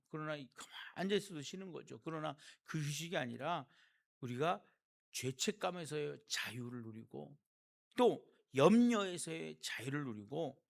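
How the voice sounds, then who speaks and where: A man's voice: fairly high pitch, creaky. A male pastor from South Korea giving a sermon, talking with the congregation and asking them rhetorical questions.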